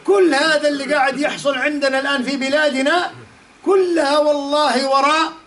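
A man's voice: very high voice, steady tone, a little fast, a bit bright. A man giving a religious lesson, telling a story and firing off rhetorical questions. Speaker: Islamic teacher. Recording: distant mic, faint background noise.

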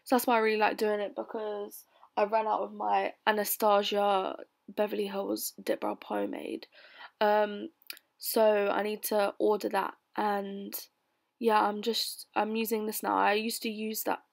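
A young adult British woman giving a casual makeup tutorial voice-over in a bored, low-energy way. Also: monotone, a little slow, gravelly. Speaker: beauty vlogger. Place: bedroom, voice-over recorded lying on bed.

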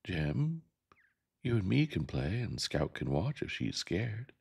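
A man with a husky voice voicing a curious, teasing small boy in a storybook reading. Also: low-pitched, very animated, takes it slowly, darkish tone, voice pushed up, heavily acted.

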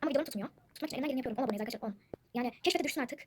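Fast-talking high-voiced female gamer. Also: darkish tone. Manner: chatty, addresses viewers constantly. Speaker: gaming channel host. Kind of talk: casual gameplay commentary. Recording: noisy background with siblings chattering. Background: siblings talking in the background.

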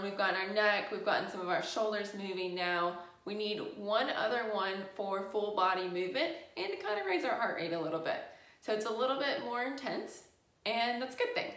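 A woman talks viewers through a warm-up exercise, explaining each step as she does it herself. She is slightly out of breath. Her voice rings with a strong echo and sounds far from the mic. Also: medium pitch. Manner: instructive, demonstrating while moving. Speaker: physical therapy instructor. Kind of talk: exercise demonstration.

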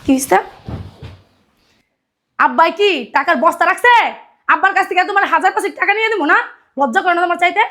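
A woman's voice: quick pace, long pauses, sharp tone. An actress playing a fed-up young wife who scolds her jobless husband. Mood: exasperated. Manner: shrill, exasperated scolding.

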